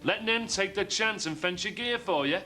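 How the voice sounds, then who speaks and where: A man's voice: high-pitched, moderate pace, sharp tone, soft background music. An actor playing a sly, suspicious working-class man with a Liverpool accent who keeps pressing with insinuating questions. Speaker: neighbour needling a suspect. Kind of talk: TV soap acting.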